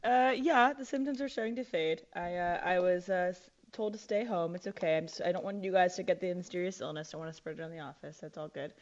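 A woman's voice: on the low side, fast talker, hardly any pauses. A woman on a sports radio show, calling in from her home kitchen on a thin, distant-sounding remote line, breezy and self-mocking. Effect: thin, distant remote-line voice she calls ethereal. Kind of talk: casual sports radio banter. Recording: dull lo-fi remote feed.

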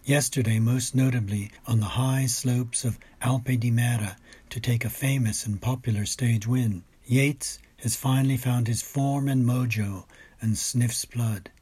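Narrating a scripted account of a cycling race, this man, a food, wine and travel writer, takes a dramatic, literary storytelling approach. He speaks a little slowly in a mellow, husky, medium-pitched voice with fairly even intonation.

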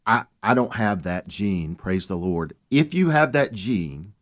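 A man, a guest on a talk radio show, telling his story in an earnest, animated way. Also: fairly low pitch, a little slow. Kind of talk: casual radio chat.

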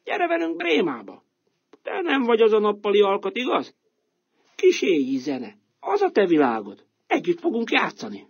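A proud, self-assured storybook donkey, played by a man, who is sure he is the boss. His husky voice is raised well above the performer's own and climbs and dips in wide, lively sweeps. It comes through on a dull lo-fi recording. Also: sits high, pitched above the performer's own voice, exaggerated voice. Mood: coaxing. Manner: confident, coaxing, upbeat. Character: boastful bossy male donkey, band leader.

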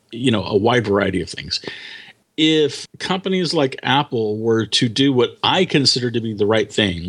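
A man's voice: on the low side, fairly bright tone, slightly rough. A man talking as a podcast guest, explaining his views at length with many fillers and restarts. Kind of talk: casual interview chat.

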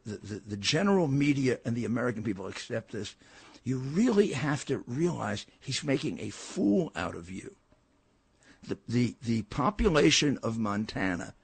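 A man's voice: medium pitch, vocal fry, slightly rough, dry recording. An older man hosting a political talk show, giving a blunt, combative commentary monologue with frequent stammered restarts.

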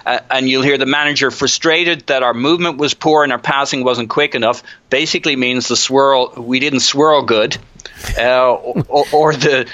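Bright-voiced man chatting about football. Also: medium pitch, fairly even intonation, moderate pace, no room sound, lo-fi sound. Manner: rambling, joking, restarts often. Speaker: podcast co-host. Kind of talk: casual football chat.

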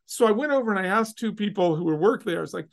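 A middle-aged man from California telling a personal story in casual talk, animated and acting out the voices of others. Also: high voice, fast, vocal fry. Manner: animated, acts out quoted voices.

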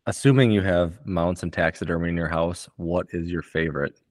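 A man's voice: deep voice, steady tone, fairly quick, no room sound, clean studio sound. A man co-hosting a podcast, asking short, laid-back questions. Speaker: podcast co-host. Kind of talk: casual interview chat.

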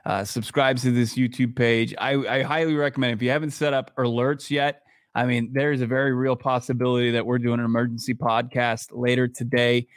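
A man's voice: mid-range voice, level tone, fairly quick, no echo, studio quality. Musing male sports podcast co-host. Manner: thinking aloud, restarts, hedging. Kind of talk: casual sports podcast chat.

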